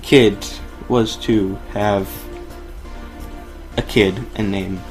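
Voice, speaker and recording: A young man streams a racing game with a friend, his voice sitting on the low side. He talks casually, riffing on silly jokes between races. Game music plays clearly underneath. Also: steady tone, drawn-out words. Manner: joking, rambling banter. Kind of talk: casual gameplay chat.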